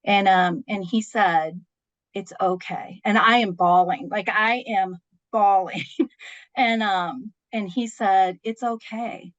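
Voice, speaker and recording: A woman in her fifties tells a personal story as a podcast guest, earnest and expressive, with small laughs slipping in between her lines. Her voice sits in an even middle register. The recording is dry and a little dull, with the muffled sound of lo-fi podcast audio. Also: mid-range voice, takes it slowly, dry recording.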